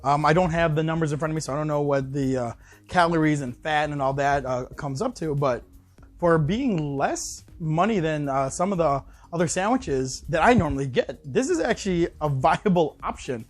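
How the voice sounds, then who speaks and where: A man casually reviewing a fast-food sandwich in a vlog, rambling with lots of fillers and restarts, sometimes talking with his mouth full. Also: on the high side, expressive, faint music behind. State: talking while chewing.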